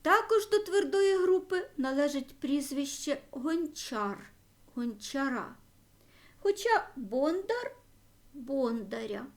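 A woman teacher giving a school grammar lesson, slowly spelling out word forms one by one. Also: sits high, animated. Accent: Ukrainian. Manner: slow, careful dictation of word forms.

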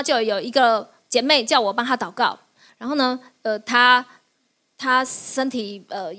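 High-voiced, lively woman pastor preaching. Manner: lively, playful preaching with call-and-response questions and laughter. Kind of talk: sermon.

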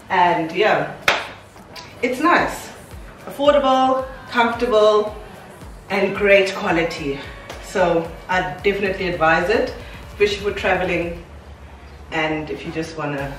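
A woman's voice: medium pitch, a bit bright, far from the mic. A woman, chatting casually and giggling through a try-on haul at home, talking in a loose, rambling way full of fillers. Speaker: fashion vlogger. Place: room at home with a mirror, moving around. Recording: roomy, off-mic, faint music behind.

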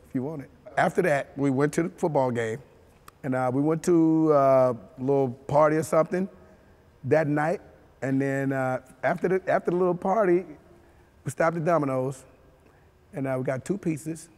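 A man from Mississippi who used to play football speaks a little fast, his voice a little high and the sound big and roomy. He tells his life story in a relaxed, chuckling sit-down interview, full of "you know," in a studio with a dark backdrop.

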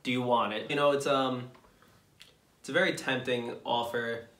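A man's voice: medium pitch, moderate pace. Laid-back young man in echoey room. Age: young adult. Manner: relaxed storytelling, laughs often. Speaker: vlog co-host. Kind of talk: casual chat to camera. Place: small indoor room, seated.

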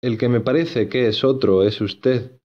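A man's voice: medium pitch, steady tone, unhurried, lo-fi sound, lightly acted. A man voicing a shy, tearful young maid in a storybook reading, speaking in a hesitant, pleading way.

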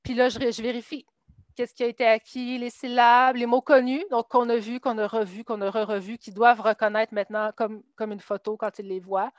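A woman's voice: fairly high pitch, little pitch movement, fairly quick, dry recording, clean studio sound. A woman teacher with a Québécois accent, explaining her reading lessons step by step and acting out what she tells her students. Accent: Québécois French. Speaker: literacy teacher for adult immigrants. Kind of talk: explaining her classroom method at a teachers' meeting.

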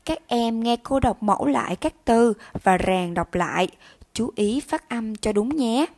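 A woman teacher giving a recorded reading lesson to young children, pronouncing each word and syllable slowly and carefully. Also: fairly high pitch, lively intonation, darkish tone. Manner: slow, careful enunciation of words and syllables. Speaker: primary school teacher.

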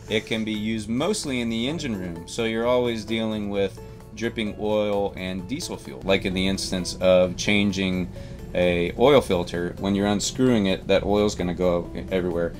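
A man in his forties, a boat captain hosting, giving a casual, rambling rundown of gear from inside a boat cabin, self-amused and easygoing. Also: sits low. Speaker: boat captain and channel host.

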